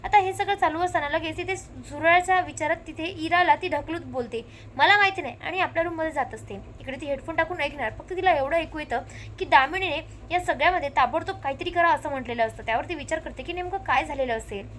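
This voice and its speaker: A woman narrating a recap of a television serial episode, telling the story lively and quoting the characters' lines one after another. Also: high voice, quick pace, a little hiss or hum.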